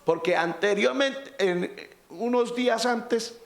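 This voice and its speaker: A man preaches an impassioned sermon, his high voice carrying a gravelly edge as he climbs into shouts. The sound rings with a roomy echo, as in a church. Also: slow. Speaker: pastor.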